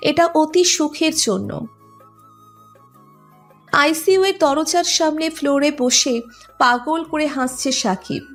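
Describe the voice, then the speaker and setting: High-voiced woman narrating a story. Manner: dramatic storytelling delivery.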